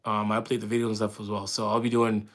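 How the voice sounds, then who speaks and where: A man's voice: fairly low pitch, completely flat delivery, quick pace, a bit bright. A man in his thirties from Canada, casually answering viewer questions on a live stream in a loose, friendly way with lots of fillers and restarts. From Windsor, Ontario, Canada. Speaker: fitness streamer answering chat.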